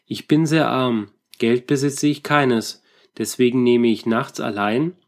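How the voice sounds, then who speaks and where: A man reading a storybook, voicing a poor widow who answers quietly and timidly. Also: mid-range voice, fairly even intonation, unhurried, lightly acted.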